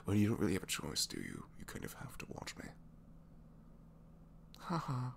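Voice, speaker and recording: The same captured-supervillain character now sounds resigned and confiding, his lowish, creaky voice exaggerated with huge pitch swings at a moderate pace. Still dry and sheepish, he grumbles and rambles hesitantly through the intimate ASMR scene over faint background noise.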